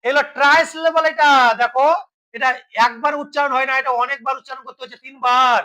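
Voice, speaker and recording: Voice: high-pitched, fairly even intonation, brisk, pushed and bright, poor audio. A teacher giving a classroom grammar lesson, asking questions and then answering them, and spelling words letter by letter.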